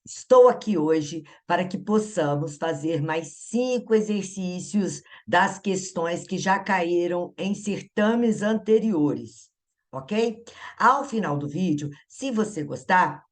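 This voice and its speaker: A woman's voice: on the low side, animated, slow. Chatty Brazilian woman teaching grammar. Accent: Brazilian Portuguese. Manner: chatty, asks the viewer questions; laughs at herself. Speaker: Portuguese teacher. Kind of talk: exam-prep grammar lesson.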